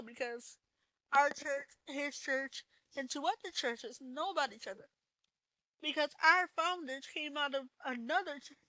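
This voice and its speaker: A woman's voice: high voice, bright, forceful tone, dry recording, low-quality recording. A woman hosting a podcast, giving a personal testimony in a blunt, preachy manner and swearing freely. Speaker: podcast host.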